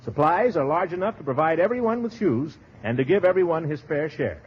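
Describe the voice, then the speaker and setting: A male radio announcer giving a formal wartime news bulletin, heard through an old 1940s broadcast recording, with an emphatic, crisp delivery. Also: fairly high pitch, expressive, a little fast. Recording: dull lo-fi vintage broadcast.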